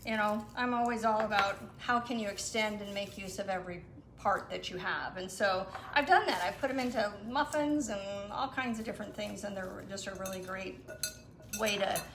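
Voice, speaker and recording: A woman guest explaining her recipes in a relaxed, casual chat, with lots of fillers. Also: mid-range voice, moderate pace. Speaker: guest cook. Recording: echoey room with some noise.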